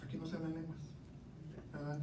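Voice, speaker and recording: A man's voice: fairly high pitch, monotone, fast talker, mellow, a little hiss or hum. A man with a Mexican accent preaching a sermon in a conversational way, often asking the congregation rhetorical questions. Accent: Mexican Spanish. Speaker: lay preacher. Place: church hall. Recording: roomy hall from a distance.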